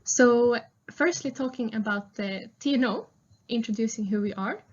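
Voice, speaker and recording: A woman's voice: on the high side, normal speed. Swedish-accented young woman giving a talk. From Sweden. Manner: friendly, frequent "uh" fillers. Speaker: research engineer presenting. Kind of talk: prerecorded conference talk. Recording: muffled lo-fi recording.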